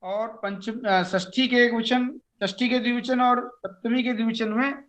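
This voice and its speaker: A man teaching Sanskrit grammar in a slow explanatory lecture, reciting word forms in measured, chanting lists, on a dull lo-fi recording. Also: extremely high pitch, steady tone, a bit bright.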